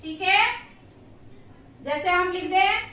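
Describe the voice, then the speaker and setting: High-voiced woman teaching in an echoey room. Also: pushed and bright, far from the mic. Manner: patient, repeats sounds slowly and asks checking questions. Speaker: Hindi grammar teacher. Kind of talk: classroom lesson.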